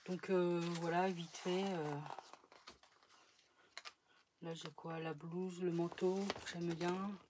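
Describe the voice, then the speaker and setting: A woman with a fairly low voice talks casually in a home sewing vlog, rambling and trailing off with plenty of fillers. Faint noise sits under the recording. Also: flat delivery, slow, pauses often. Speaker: sewing vlogger. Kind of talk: casual chat showing sewing projects.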